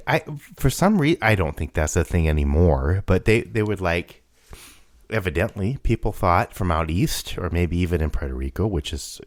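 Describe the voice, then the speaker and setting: A very deep male voice that swings widely in pitch as he jokes and rambles, playing dumb for laughs. The sound is close and dry, with no room to it. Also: dry recording. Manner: jokey, playfully confused, rambling. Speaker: podcast co-host. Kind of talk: casual podcast chat.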